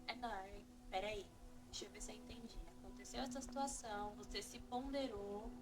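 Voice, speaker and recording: A Brazilian Portuguese-speaking woman interviewing a guest, gently probing and summing up what she hears. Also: medium pitch, steady tone, a little fast. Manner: gentle, probing, sums up the answers. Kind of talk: documentary interview questions.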